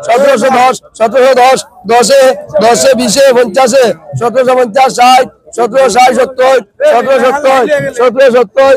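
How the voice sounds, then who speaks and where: Male auctioneer, Sylheti accent, very high-pitched voice, repetitive rhythmic bid-calling chant. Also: fairly even intonation, moderate pace, rough recording. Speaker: fish market auctioneer. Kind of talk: auctioneer's chant, calling rising prices with repeated numbers. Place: fish wholesale market.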